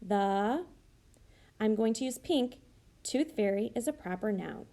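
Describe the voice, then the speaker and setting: A woman teacher slowly modeling how to write sentences for young children, thinking aloud and sounding out each word. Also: fairly high pitch, lively intonation, dark tone. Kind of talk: slow modeled writing demonstration.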